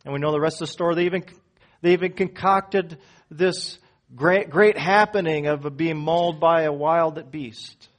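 A man preaching a sermon as pastor in a church, swinging from loud emphatic peaks down to low quiet phrases. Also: moderate pace. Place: church sanctuary.

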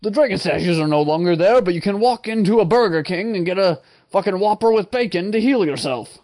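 A man with a fairly high voice and a lively, swinging delivery co-hosts a gaming show. He jokes and rants casually, swearing often. Faint music sits behind his talk. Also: fairly quick. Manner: animated, sweary ranting and joking. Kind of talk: casual video game banter.

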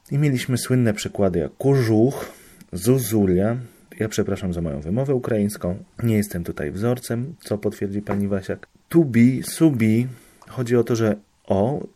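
A man with a low, warm voice talks through a lecture topic in a measured, explanatory way. He pauses now and then to make sure his listeners are keeping up. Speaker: student presenting a lecture topic. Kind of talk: academic explanation.

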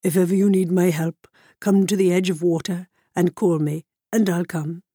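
Woman doing a calm solemn fish king. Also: on the low side, normal speed, breathy edge, no room sound, clean studio sound.

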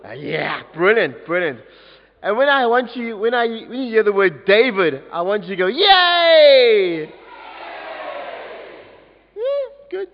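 Lively man leading a story in church. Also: sits high, normal speed. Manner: animated, coaxing audience participation. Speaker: youth leader telling a story at a service. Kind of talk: interactive children's storytelling. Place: large church. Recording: dull echoey church recording.

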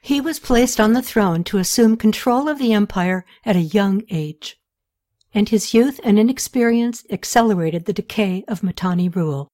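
A woman narrating a historical novel in a steady, even storytelling voice. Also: medium pitch, moderate pace. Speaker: audiobook narrator. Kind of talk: scripted narration.

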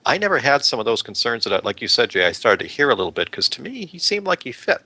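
A man's voice: mid-range voice, sing-song, fast talker, bright, forceful tone. A man co-hosting a podcast in casual chat, rambling with restarts and fillers and laughing often. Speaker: podcast co-host.

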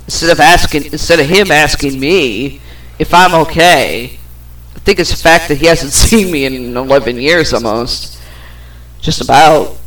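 In a low-quality recording, a woman hosts her personal podcast, ranting in a wandering way at a measured pace. Her voice is deep with a fairly bright tone, and she trails off with fillers and the odd swear word.

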